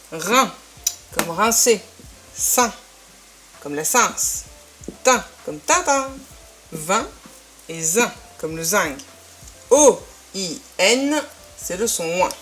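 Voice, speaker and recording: Woman teacher, mid-pitched, very slow and patient, sounds out syllables; faint music underneath. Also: a bit bright. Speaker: French teacher. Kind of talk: slow, careful spoken lesson.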